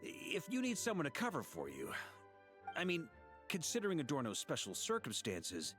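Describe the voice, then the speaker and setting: A man's voice: on the high side, wildly swooping pitch, moderate pace, fairly bright tone, soft background music. A man playing a middle-aged knight grand master in a video game, commanding and fatherly, often exasperated. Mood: reassuring.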